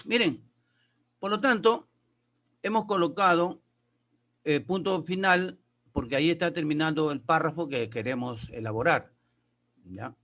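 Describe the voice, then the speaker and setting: In a classroom lesson, a male teacher with a slightly raised, fairly high, somewhat bright voice walks his pupils through grammar and pronunciation step by step. He calls them kids and reads English sentences aloud slowly and deliberately.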